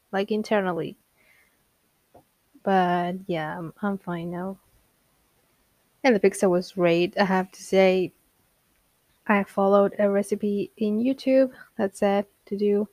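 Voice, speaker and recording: This young podcast host talks alone on her show in a candid, meandering way, frequently laughing, making jokes at her own expense and drifting between subjects. She has a mid-range, darkish voice, recorded with no room sound.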